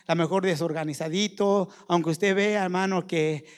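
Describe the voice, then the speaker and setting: A man's voice: high-pitched, fairly even intonation, moderate pace. A man preaching a sermon in a small church, earnestly addressing the congregation and repeating "brother" over and over. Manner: repeats "hermano" constantly, folksy and earnest.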